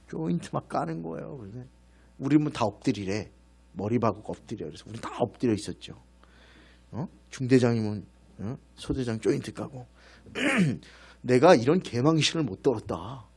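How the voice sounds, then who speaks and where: A medium-pitched male pastor preaches in church, animatedly telling a personal story. Every so often he turns to address members of the congregation directly.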